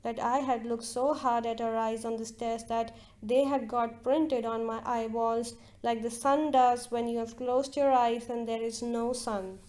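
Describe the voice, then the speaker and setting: A woman reading a literary short story aloud with slow, measured narration. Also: a little high, flat delivery, a little mellow. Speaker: reader.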